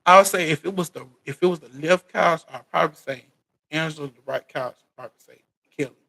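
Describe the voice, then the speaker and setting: A man's voice: on the high side, fast talker, gravelly, bright, forceful tone, rough recording. An American man hosting a casual live recap, speaking in informal colloquial phrasing and often restarting and repeating his phrases. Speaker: recap show host. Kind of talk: casual live recap chat about reality TV.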